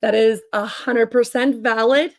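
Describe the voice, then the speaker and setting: A woman speaks as an expert guest in an earnest discussion. Her voice is strained and a little strangled, as if worn out from loud talking. She makes her points emphatically and often checks in with the listener. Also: on the high side, steady tone, unhurried. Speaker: guest researcher and curriculum developer.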